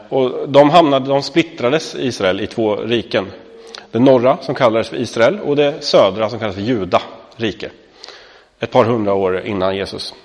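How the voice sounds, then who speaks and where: Chatty pastor preaching in a reverberant hall. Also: male voice, mid-range voice. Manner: conversational, many fillers, asks the congregation questions. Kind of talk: sermon.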